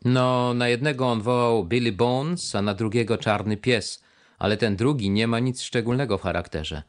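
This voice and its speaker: A man's voice: mid-range voice, normal speed, lightly acted. A man voicing a sullen young red-haired sailor lad who answers curtly and evasively, reading an audiobook. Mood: reluctant.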